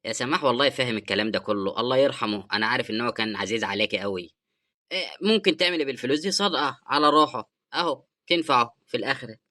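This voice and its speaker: A man voicing a blunt, impatient husband in an animated drama, speaking Egyptian Arabic and lecturing his wife about money. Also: mid-range voice, racing.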